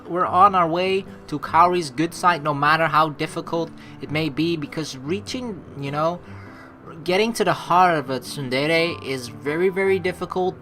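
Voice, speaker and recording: A deep-voiced woman hosts a let's play, reacting excitably. She comments casually and reads the game's narration aloud.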